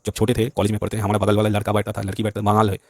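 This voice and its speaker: A man's voice: fairly low pitch, completely flat delivery, rapid-fire, no room sound. A man from West Bengal, speaking Hindi as an in a heated, repetitive political monologue. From West Bengal, India. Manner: agitated, repetitive, keeps saying "bhai sahab". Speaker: vlogger.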